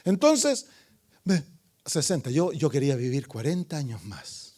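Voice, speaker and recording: A medium-pitched man preaches an evangelistic sermon in the role of pastor. He is dramatic, swinging between loud calls and hushed asides, and he questions the congregation and calls for amens.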